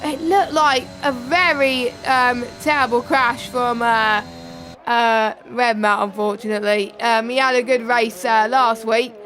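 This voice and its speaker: A woman's voice: fairly high pitch, steady tone, a little slow, fairly bright tone, faint music behind. A young woman co-commentating a sim racing league, talkative and analytical, often correcting herself.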